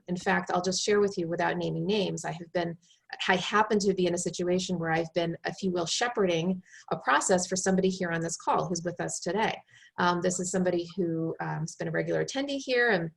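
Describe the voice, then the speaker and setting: A woman's voice: lowish voice, creaky. Woman recruiter coaching job seekers. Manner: earnest coaching tone with rhetorical "right?" checks. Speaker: recruiter giving job-search advice. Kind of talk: advice talk on a group video call.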